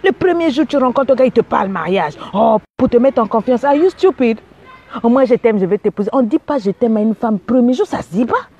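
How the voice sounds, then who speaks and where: Woman from Africa, fiery coach-preacher, husky and mellow, scolds and acts out dialogue. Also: on the high side, fairly quick, highs cut off. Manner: animated, scolding, acts out quoted dialogue, frequent "hein?". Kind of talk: exhorting sermon-style advice talk.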